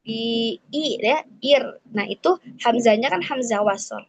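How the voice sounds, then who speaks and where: A woman teaching Quran recitation rules in an online lesson, explaining step by step and slowly modelling each example. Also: fairly high pitch, slight background noise, poor audio. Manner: patient, explains step by step with frequent "nah" and "eh".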